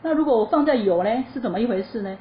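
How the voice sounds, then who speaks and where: A woman teaching a choir lesson, explaining musical phrasing in a lively, chatty way and asking her listeners questions before answering them. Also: a little high, very fast. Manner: lively explanatory, sings short demo phrases. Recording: slightly dull lo-fi recording with faint noise.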